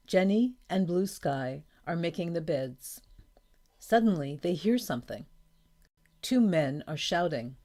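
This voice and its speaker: A woman reading a storybook for learners aloud, slowly and carefully, announcing each page. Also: on the low side, a little mellow. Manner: slow, careful, clear reading. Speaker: audiobook narrator. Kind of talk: scripted narration of a graded reader.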